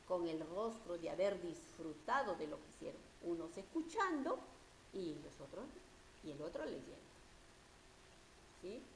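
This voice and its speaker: A woman teacher giving a lecture, explaining patiently and checking in with rhetorical questions. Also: on the low side. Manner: explanatory, asks rhetorical "¿no?" often. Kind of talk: university-level lecture. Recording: echoey room with faint hiss.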